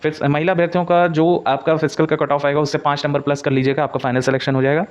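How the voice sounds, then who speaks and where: Very fast and clear, his fairly high, level voice has a resonant tone as he delivers an informal coaching update. He mixes in English terms and repeats himself for emphasis, all captured in dull, lo-fi audio.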